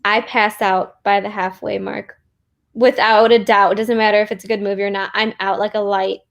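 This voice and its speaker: A young woman co-hosting a casual book livestream, sleepy and relaxed, laughing easily. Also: medium pitch, normal speed, creaky. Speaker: co-host.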